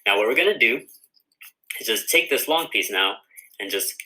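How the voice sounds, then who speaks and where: A children's book author, a man with a mid-range, expressive voice, walks kids through a craft step by step in a friendly way. He speaks at a moderate pace with a sharp tone, and the rough recording carries a little hiss or hum.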